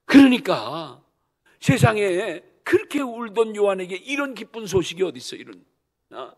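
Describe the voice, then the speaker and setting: A man, a senior pastor, preaching a sermon with emphatic rhetorical questions to the congregation, swinging from soft low asides to loud bursts. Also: sing-song, normal speed. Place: church sanctuary.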